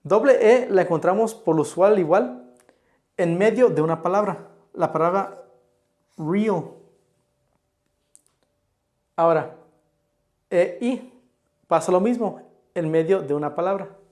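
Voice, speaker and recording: A man presents an online English lesson in a high voice. He works through each rule patiently and step by step, pausing on example words. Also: a little mellow. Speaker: English teacher. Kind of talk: explaining an online pronunciation lesson.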